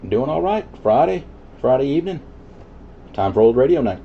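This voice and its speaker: A man's creaky, sing-song mid-range voice moves briskly through a casual CB radio chat. The transmission is muffled and backed by static.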